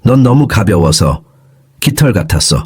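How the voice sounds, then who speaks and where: Husky, low, gentle older brother, audio story, man reading. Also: expressive, normal speed, no echo, clean studio sound. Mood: tender. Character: grieving young man, gentle elder brother.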